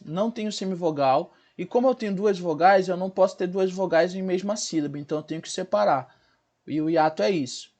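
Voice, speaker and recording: A male teacher, giving a recorded grammar lesson and sounding out words slowly, syllable by syllable, often checking in with his class. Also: high-pitched, darkish tone. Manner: checks in with the class, asking "né?" and "certo, gente?".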